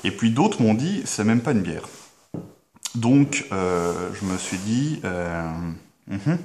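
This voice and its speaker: A young man with a Belgian French accent and a fairly low voice, talking to camera in a deadpan comic monologue. He hesitates constantly, with filler sounds and restarts, and sometimes jumps into high mock outrage. A faint hiss runs under the home recording. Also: slow pace. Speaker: comedy vlogger.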